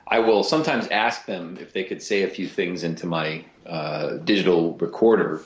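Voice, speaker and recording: Low voiced guy from cleveland chatting about his voice work, roomy dull sound. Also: normal speed. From Cleveland, USA. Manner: animated, with frequent restarts. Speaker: guest, voice actor. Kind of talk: casual interview talk. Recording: roomy lo-fi recording.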